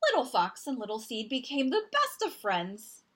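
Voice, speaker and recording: Her pitch a little high, a woman narrates a children's picture book aloud as a storyteller. The reading is expressive and deliberate, full of dramatic emphasis.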